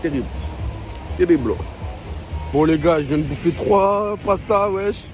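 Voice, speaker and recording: A man's voice: a little high, unhurried, darkish tone, soft background music. A young man vlogging casually in French suburban street slang with an urban street accent, talking to viewers like mates. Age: young adult. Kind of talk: casual travel vlog. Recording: noisy handheld vlog with ambient vehicle noise.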